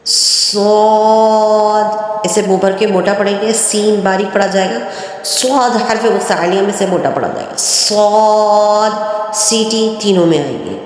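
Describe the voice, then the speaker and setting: A woman teaching Quran reading, explaining patiently and repeating each letter in a drawn-out chant. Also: mid-range voice, expressive. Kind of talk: step-by-step recitation lesson. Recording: very echoey room with long reverb.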